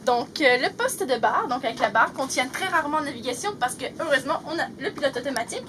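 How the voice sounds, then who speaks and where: A young woman giving a casual tour of her sailboat, relaxed and full of hesitation fillers. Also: high voice, fast talker, recorded from a distance. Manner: relaxed, many "euh" fillers, light laughs. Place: sailboat cabin, then open deck outdoors. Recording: loud wind and water noise.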